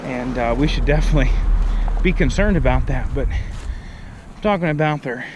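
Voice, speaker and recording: A man's voice: mid-range voice, normal speed. Man, pastor, casual outdoor vlog, breathless from walking uphill, phone at arm's length, faint background noise. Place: outdoors on a hill.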